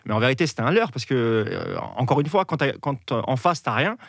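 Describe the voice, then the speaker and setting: Animated man debating football. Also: medium pitch, a little fast, no room sound, clean studio sound. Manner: animated, mocking, hands over the floor. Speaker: football show panelist.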